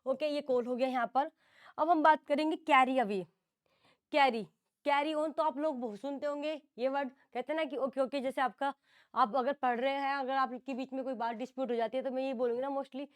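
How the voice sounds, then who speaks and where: High-voiced woman teaching a class. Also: fairly even intonation, moderate pace. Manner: explains phrasal verbs, calls on students by name, repeats words in English and Hindi. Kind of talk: online exam-prep class.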